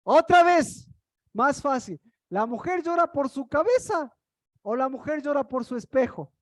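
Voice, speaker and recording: A woman's voice: high voice, expressive, a little slow, no room sound, clean studio sound. A woman preaching a sermon, firing rhetorical questions at the congregation.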